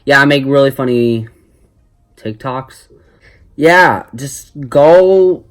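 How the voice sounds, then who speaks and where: Slow-paced young man vlogging casually. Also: medium pitch, animated. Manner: self-deprecating, jokey, stop-start rambling. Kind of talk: casual rambling vlog to viewers.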